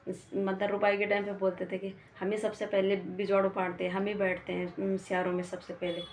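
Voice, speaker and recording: A woman's voice: mid-range voice, monotone, brisk. A young woman with a Pahadi Hindi accent, chatting casually as she retells a quarrel with a neighbour, full of "I said" asides. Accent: Uttarakhand Pahadi Hindi. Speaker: vlogger. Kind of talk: casual storytelling to camera. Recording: echoey room with faint background noise.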